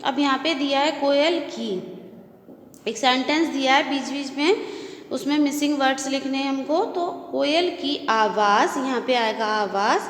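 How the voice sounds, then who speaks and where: A woman's voice: high voice, a little slow. A woman teaching a school lesson, repeating herself and checking in with "okay?" after each point. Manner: repetitive, checks with "okay?", mixes in English words. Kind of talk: recorded Hindi class lesson. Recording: echoey room with long reverb.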